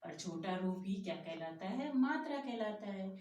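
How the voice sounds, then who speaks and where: A woman's voice: medium pitch, animated, darkish tone, roomy sound, far from the mic. A woman teaching young children a grammar lesson, patiently asking questions and answering them herself. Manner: slow, patient, asks and answers her own questions. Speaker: primary school teacher.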